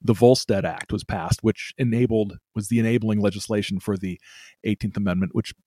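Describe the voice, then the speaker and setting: Male co-host, fairly low pitch, casual explainer, dry humor, very little room sound. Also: steady tone, brisk, mellow, no echo. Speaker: podcast co-host. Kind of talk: casual chat with explanatory narration.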